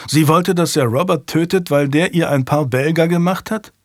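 A man's voice: a little high, normal speed, dry recording, pitched above the performer's own voice, lightly acted. A man voicing an earnest, slightly unsure young male lord, hesitant and friendly, read dry and close.

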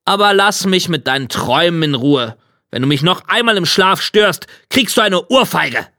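A man reading a storybook, voicing a gruff, short-tempered male devil with a gravelly rasp and slow, growling outbursts. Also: fairly high pitch, animated, pushed and bright, no echo, clean studio sound, full character voice. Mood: dismissive. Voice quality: gravelly, rasping.

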